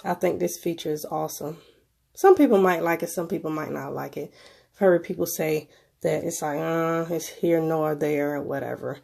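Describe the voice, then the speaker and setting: Congested low-pitched woman, gravelly. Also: steady tone, normal speed, mellow. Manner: informal, conversational. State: sick with a cold, stuffy nose. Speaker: video presenter. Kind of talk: casual tech review narration.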